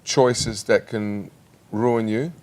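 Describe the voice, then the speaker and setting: A man talks as a guest on a TV studio couch. His voice has a gravelly, creaky edge. He tells his stories in a chatty, halting way, often restarting his sentences. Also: on the low side, fairly even intonation, darkish tone. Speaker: singer and actor guest. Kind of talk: casual interview chat. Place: television studio.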